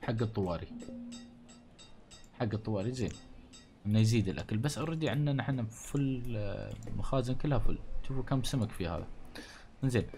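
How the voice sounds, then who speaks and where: Warm, animated and fairly low-pitched, the man talks quickly but leaves long pauses, with faint music behind him. He's a Gulf Arabic-accented gaming host recorded on a studio condenser mic, casually narrating his play, thinking aloud and joking grumpily about the game's townsfolk.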